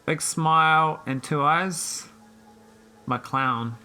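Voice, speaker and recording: A man chatting casually while streaming a game, rambling with many pauses and talking to his viewers. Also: a little high, pushed and bright. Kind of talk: casual live-stream chat.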